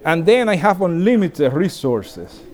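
His fairly high voice swings widely in pitch, and he keeps a measured pace. The speaker is a Dominican pastor in his forties giving a warm, self-deprecating, informal talk to church leaders, laughing often and frequently restarting.

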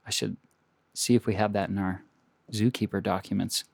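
A man's voice: lowish voice, fairly even intonation, normal speed, gravelly, darkish tone, no echo, clean studio sound. Earnest, rambling young male host. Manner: earnest, enthusiastic, rambling with restarts. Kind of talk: comedic movie review monologue.

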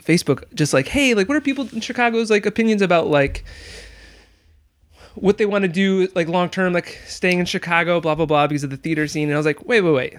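Man, thirties, podcast host, casual chatty talk, somewhat high voice. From Michigan. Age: 30s. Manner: chatty, quick, self-mocking. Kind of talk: casual conversation.

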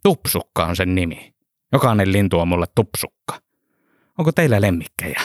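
A man voicing a loud, swearing middle-aged truck driver who rambles on chattily. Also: deep voice, big pitch swings, no room sound, studio quality. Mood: rough chatty. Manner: curses often, rambles chattily.

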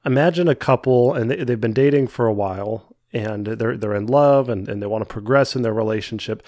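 Talking a bit quickly in a darkish, mid-range voice thick with a cold, a young podcast host delivers solo devotional talk about his faith. He's earnest yet keeps tripping back over words, repeating and restarting as he goes. The sound is close and dry, with no echo or surrounding room.

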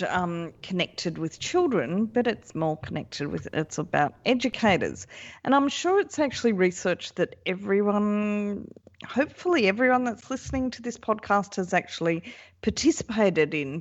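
A woman co-hosting a podcast, explaining at length in a lively, questioning way. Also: mid-range voice, lo-fi sound. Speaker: podcast co-host. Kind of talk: casual podcast chat.

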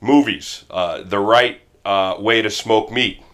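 A man with a deep baritone voice, hosting a casual, humorous podcast chat in a wry, halting way. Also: fairly bright tone. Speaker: podcast host.

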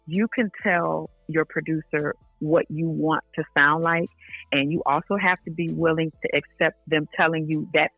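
A woman's voice: low voice, steady tone, normal speed, no echo, faint music behind. A woman singer speaking as an interview guest, earnest and enthusiastic. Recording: tinny phone line.

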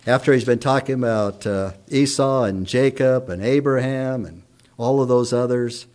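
A man preaching a sermon, stressing points by repeating phrases and slowing down on key lines. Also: medium pitch, a little mellow. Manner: emphatic repetition, slows down for key points. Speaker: pastor.

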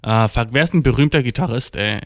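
A man's voice: medium pitch, fast talker, dry recording, studio quality. Slangy young man rambling casually. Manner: slangy, mixes in English words; acts out quoted dialogue while storytelling. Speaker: solo talker.

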